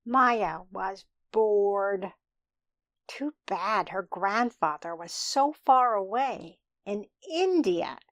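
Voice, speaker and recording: A woman reading a picture book aloud for a children's sermon, slowly and expressively. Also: mid-range voice, no echo, studio quality. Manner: slow, expressive storybook reading.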